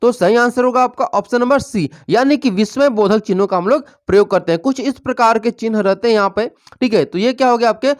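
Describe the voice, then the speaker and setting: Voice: mid-range voice, fast, hardly any pauses, dry recording, clean studio sound. Patient teacher walking through quiz answers. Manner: explanatory, steady, often checks in with "ठीक है". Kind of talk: exam-prep lesson going through quiz questions.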